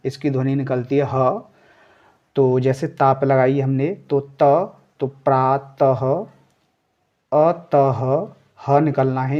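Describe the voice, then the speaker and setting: Slow, patient man teaching reading. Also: mid-range voice, lo-fi sound. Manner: spells words syllable by syllable, then says them whole; checks in with a frequent "ठीक है". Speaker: Hindi teacher. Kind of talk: slow step-by-step reading lesson.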